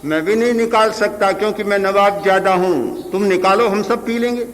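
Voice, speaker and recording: A man's voice: high voice, moderate pace, lightly acted. An older man voicing a pompous, self-important nobleman in a sermon parable. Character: self-important nawab guarding his dignity. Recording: reverberant hall with faint hiss.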